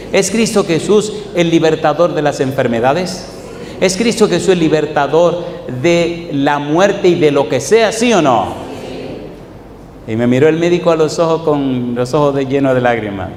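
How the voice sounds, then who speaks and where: A man's voice: fairly high pitch, lively intonation, darkish tone. A male pastor delivers a sermon in a slightly raised voice, hammering the congregation with rhetorical questions and retelling his own stories. He is recorded in an echoey church hall with long reverb, and a faint background noise sits under his voice. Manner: preaches in rapid-fire rhetorical questions to the congregation; tells personal stories, acting out the quoted voices. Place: church sanctuary.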